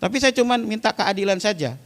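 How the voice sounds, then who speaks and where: A man's voice: high voice, expressive, fast, long reverb tail. A man, giving a humorous religious talk to a live congregation and telling stories while addressing the listeners directly. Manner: chatty storytelling, often addressing the listeners directly. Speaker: Islamic preacher. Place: weekly study gathering before a live audience.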